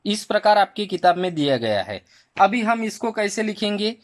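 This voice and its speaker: A man teaching a primary school Hindi lesson, slowly sounding out each letter and vowel sound for children. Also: high voice, very animated. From India. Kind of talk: slow spelling lesson for children.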